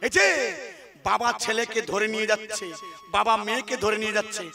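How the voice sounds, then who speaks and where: A man's voice: sits high, normal speed, gravelly. A man who sings and preaches at a devotional kirtan, animatedly questioning a large live audience, with devotional music behind him. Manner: animated, questions the crowd directly. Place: large live religious gathering.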